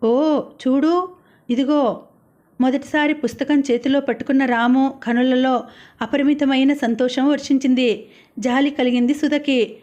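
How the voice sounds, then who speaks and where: A woman reads a novel aloud in a high, clear voice. She tells the story expressively and voices each character herself. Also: steady tone, normal speed, darkish tone. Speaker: audiobook narrator. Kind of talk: novel reading.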